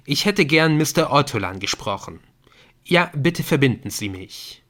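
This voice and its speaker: A man voicing an excitable young man in an audiobook, talking urgently and emphatically. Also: mid-range voice, a little slow, voice pushed up. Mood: insistent. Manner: urgent, emphatic, a little brash.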